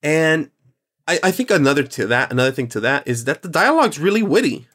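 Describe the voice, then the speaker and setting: A man's voice: fairly high pitch, sing-song, fairly quick, fairly bright tone, breathy edge. A man hosting a podcast in casual chat, rambling and enthusiastic, with plenty of fillers and restarts. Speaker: podcast host.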